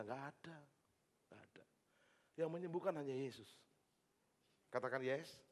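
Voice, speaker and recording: A male pastor with an Indonesian accent preaching a sermon in a church service, swinging between loud exhortation and quiet storytelling. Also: mid-range voice.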